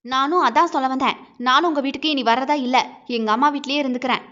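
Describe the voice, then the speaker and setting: A woman's voice: sits high, fast, fairly bright tone. A woman voicing a hurt young wife who argues back sharply and bitterly, in a dull lo-fi recording.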